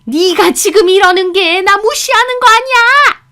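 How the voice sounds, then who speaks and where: A woman voicing a furious middle-aged mother-in-law who yells and scolds in a shrill, harsh voice. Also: measured pace, heavily acted. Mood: screaming scolding.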